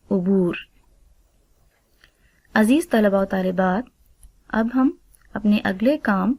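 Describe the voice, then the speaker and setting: A woman's voice: mid-range voice, darkish tone, no room sound. Careful Pakistani woman teaching a lesson. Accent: Pakistani Urdu. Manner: slow, careful dictation of word meanings and spellings; addresses students formally, frequent 'aa' fillers. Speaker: Urdu teacher. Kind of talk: recorded classroom lesson.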